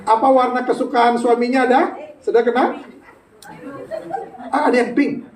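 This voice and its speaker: A man's voice: extremely high pitch, steady tone, moderate pace, crowd noise. Male pastor, sermon, playful banter with the congregation, casual slang, echoey church hall, heard from a distance. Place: church sanctuary.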